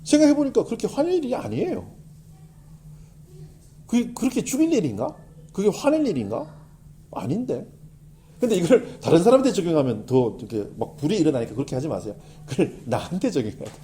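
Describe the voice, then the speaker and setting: A middle-aged male pastor giving a sermon in an animated, conversational style, with emphatic swings in delivery. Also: high voice, fairly quick, long pauses, slight background noise.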